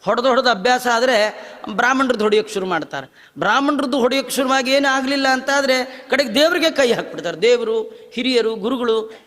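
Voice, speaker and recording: A man giving a devotional discourse, telling stories in a lively way, chanting verses and acting out dialogue. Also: very high-pitched. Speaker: religious discourse speaker. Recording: long hall reverb.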